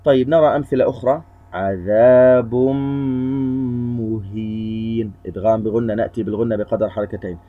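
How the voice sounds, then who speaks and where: A man's voice: lowish voice, racing, hardly any pauses, soft background music. A man giving a tajweed lesson, explaining recitation rules methodically and point by point. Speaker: Quran recitation teacher. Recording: dull lo-fi recording.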